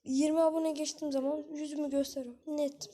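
A woman giving chatty, excitable live gameplay commentary, talking to the characters on screen and bursting out in frustration now and then. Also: high-pitched, fast. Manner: frustrated outbursts with swearing. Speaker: gaming channel host.

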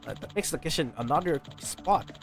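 A man with a slightly high voice and lively intonation streams a game, talking fairly quickly. He reads the in-game dialogue aloud playfully, ad-libs comments, and now and then stumbles over a line, with video game music playing behind him.

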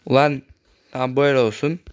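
A man hosting a gaming channel, chatting casually through his gameplay, speaking a bit loudly on purpose and constantly addressing his viewers as friends. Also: mid-range voice, fairly even intonation, quick pace. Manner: talks loudly on purpose so the voice carries.

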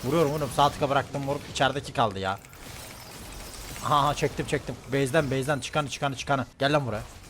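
A male streamer giving live, excitable commentary on his own gameplay, often shouting and repeating words in quick bursts. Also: mid-range voice, background noise.

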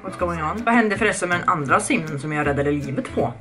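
Young woman playing a game, chatty, swears a lot, kinda low voice, music going behind her. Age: young adult. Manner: chatty and excitable, swears often, reads game text aloud. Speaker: gaming video creator. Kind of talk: casual let's-play commentary. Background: background music.

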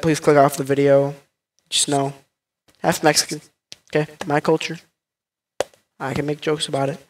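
A man's voice: fairly high pitch, distant mic. A man hosting a video of prank calls, talking casually with many filler words and brash, rambling complaints.

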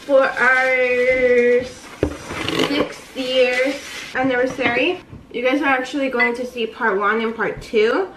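A woman hosting a casual couple vlog, chatty and laughing often as she asks questions. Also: a little high. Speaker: vlogger host. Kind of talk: casual chat. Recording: echoey room, voice a bit far off, faint ambient noise.

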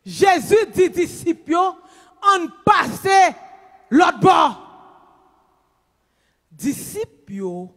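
Haitian woman preacher, very high voice, slow emphatic delivery, echoing church hall. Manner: emphatic, shouting, switches between Creole and English. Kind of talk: sermon. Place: church stage, indoors. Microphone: handheld mic. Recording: long reverb in church hall.

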